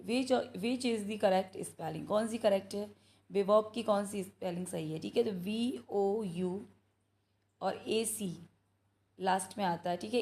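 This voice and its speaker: In this exam practice lesson, a medium-pitched female tutor prepares learners for an English test. She reads the questions out slowly, walks through each answer with steady explanations that mix Hindi and English, and keeps asking "thik hai" along the way.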